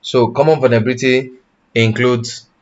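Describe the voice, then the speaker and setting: A man teaching blockchain development in a live online class, pausing often and correcting himself, and checking in with "you understand?". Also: medium pitch, flat delivery, dull audio. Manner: halting, self-correcting, asks "you understand?". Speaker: tech instructor.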